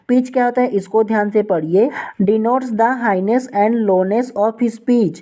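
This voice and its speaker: A woman teacher giving an online exam-prep lesson, reading each definition out slowly and then explaining it step by step, often asking what the term is called before answering. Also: mid-range voice, dark tone. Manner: repeats the question "what will we call it?" before each answer.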